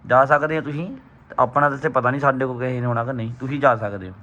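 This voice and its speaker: Bright-voiced Punjabi man, coaxing his family. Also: mid-range voice, fairly even intonation, very fast, a little hiss or hum. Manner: coaxing and consoling, repeats himself. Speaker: vlogger filming his family. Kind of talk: casual family vlog chat.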